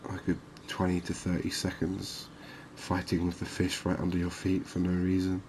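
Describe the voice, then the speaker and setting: With a very flat, deep voice, a man who hosts gaming videos murmurs through gameplay in a relaxing ASMR style. He takes his time, stretching his phrases out slowly, while faint ambient sound lingers behind him.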